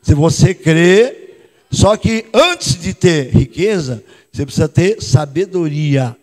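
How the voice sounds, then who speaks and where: A Brazilian pastor with a somewhat high voice preaches slowly but with great liveliness, calling on his congregation to respond. He swings between loud shouts and quiet asides, and the church hall adds long reverb.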